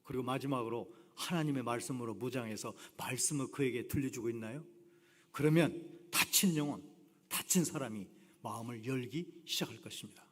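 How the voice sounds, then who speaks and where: A man's voice: mid-range voice, a little fast. A man preaching a sermon as a guest pastor, telling stories animatedly and acting out the voices of the people in them. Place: church sanctuary. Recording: long church reverb.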